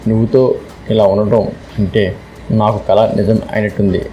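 A man's voice: fairly low pitch, flat delivery, moderate pace, mellow, a little hiss or hum, close to an everyday voice, low-quality recording. A man reading the lines of an affectionate young woman in love, without changing his voice.

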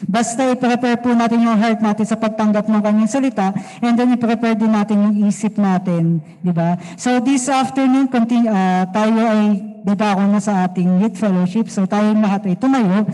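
A Filipino-accented host opens a youth fellowship with an earnest prayer. The voice is mellow and dark, at a middle pitch. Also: fairly even intonation, normal speed, long reverb tail, rough recording. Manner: earnest, mixing English and Tagalog. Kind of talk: opening remarks and prayer.

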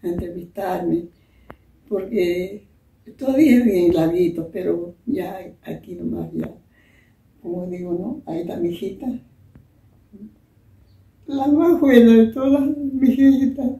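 An older woman recounts a personal story, her words halting and soft and full of diminutives. Her mellow, dark voice is heard from a distance in an echoey room. Faint noise sits behind her. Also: medium pitch. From Peru. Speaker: interviewee. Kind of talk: emotional personal testimony.

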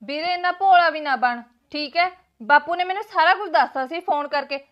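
Woman doing a bossy daughter, high voice, scolding her brother. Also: fairly quick, dull audio, lightly acted. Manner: scolding, stern. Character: stern grown daughter defending her father. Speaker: married daughter visiting her father.

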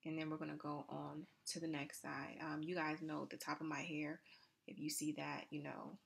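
A young woman chatting casually in a soft, low, near-whispered voiceover for a hair tutorial, with plenty of fillers. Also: flat delivery, moderate pace, gravelly, breathy edge. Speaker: hair vlogger. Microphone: voiceover mic.

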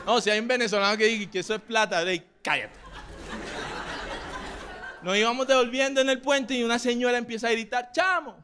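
Young male stand-up with a Colombian coastal accent, brash and profane, high-pitched, on a noisy live club recording. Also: steady tone, very fast, few pauses. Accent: Colombian coastal Spanish. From Colombian Caribbean coast. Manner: brash, profane, acts out loud characters. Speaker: stand-up comedian. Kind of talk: stand-up comedy set. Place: comedy club stage. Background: audience laughter and room ambience.

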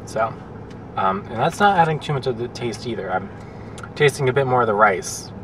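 A man's voice: mid-range voice, lively intonation, moderate pace. Casual male food reviewer talking while chewing, hesitant and rambling, a little distant from the mic. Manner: rambling, hesitant, many fillers. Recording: distant mic, faint traffic noise.

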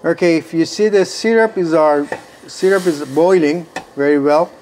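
A man in his sixties with a Persian accent, explaining a home cooking recipe step by step in an unhurried way from his kitchen. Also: on the high side, darkish tone, a little hiss or hum. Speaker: cooking show host.

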